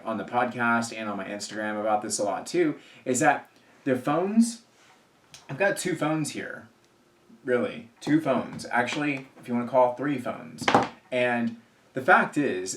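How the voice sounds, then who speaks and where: In a casual vlog recorded indoors at his home workspace, a thirty-something man talks to camera in a mid-range, slightly bright voice. He rambles, repeats himself, and fills the gaps with fillers and restarts. There's a roomy echo, with faint music underneath.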